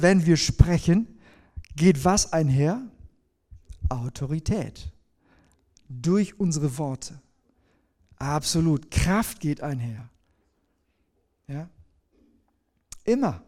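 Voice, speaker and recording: A man preaching a sermon in a conversational way, asking his listeners questions and slowing down on key phrases. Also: a little high, dark tone.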